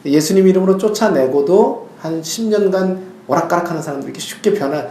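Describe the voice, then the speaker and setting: A male pastor preaching a sermon, telling stories in an animated way and now and then crying out loud. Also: sits high, quick pace, echoey room, a little hiss or hum. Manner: animated storytelling, bursts into loud acted cries.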